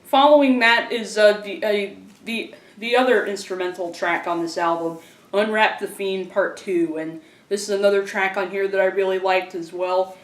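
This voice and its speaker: A man's voice: sits high, steady tone, normal speed, fairly bright tone. A man giving a casual, enthusiastic album review, rambling with lots of fillers and restarts. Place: a room at home. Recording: roomy echo, mic at a distance.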